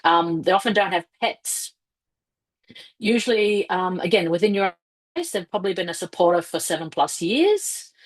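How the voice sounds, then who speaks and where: A low-voiced woman presents on a video call through a headset. Her audio keeps breaking up and dropping out over a bad connection. She talks with plenty of fillers and restarts. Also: lively intonation, moderate pace. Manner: explanatory, with frequent fillers. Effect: choppy, breaking-up internet call audio. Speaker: fundraising presenter. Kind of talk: online webinar presentation.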